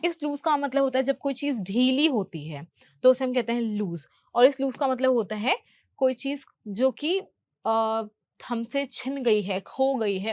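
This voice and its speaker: Slow, dry-voiced woman teaching English. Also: fairly high pitch, darkish tone, dry recording. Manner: slow, careful word-by-word pronunciation drills. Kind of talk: explaining movie lines in a lesson.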